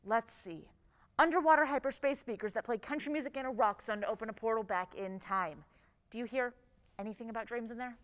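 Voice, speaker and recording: A woman playing a vain, lazy female chief of a cop federation, commanding and brisk in a live stage comedy. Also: on the high side, fairly bright tone, lightly acted. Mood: stern. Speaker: stage actor. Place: theatre stage. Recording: long reverb of a theatre stage.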